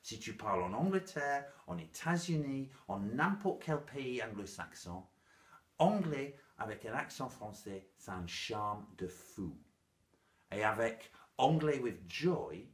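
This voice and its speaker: Animated Englishman teaching, English accent. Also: medium pitch. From England. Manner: playful, animated, self-mocking. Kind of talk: lively video lesson. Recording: echoey room.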